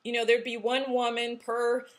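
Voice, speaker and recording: A woman's voice: on the high side, monotone, normal speed. A woman who founded a guitar magazine, interviewing a guest over a video call and often affirming what she says. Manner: warm, affirming, frequent backchannel.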